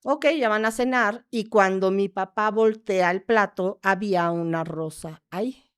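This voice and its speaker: Mexican woman telling a story clearly. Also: mid-range voice, unhurried. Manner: lively storyteller who acts out quoted family members. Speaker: podcast guest. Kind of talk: casual storytelling in a podcast interview.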